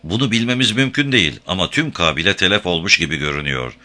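A confident young frontiersman talks in a steady, matter-of-fact way, voiced by a male narrator. His voice sits low and sounds bright and crisp. The reading moves lively through its pitch. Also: fast. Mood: grim.

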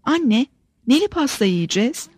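A woman narrator puts on a fearless, playful little girl in an audiobook. The voice rides high and rings out clearly. The sound is dry and close. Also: big pitch swings, moderate pace, a little mellow, no room sound. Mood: cheeky. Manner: high, ringing child's voice. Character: spirited young girl, bold and playful.

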